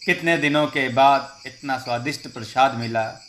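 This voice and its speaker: A man's voice: medium pitch, moderate pace, fairly bright tone, a little hiss or hum, lightly acted. A man voicing a possessed young woman who serves a demon, speaking in a gloating, menacing way in a horror story.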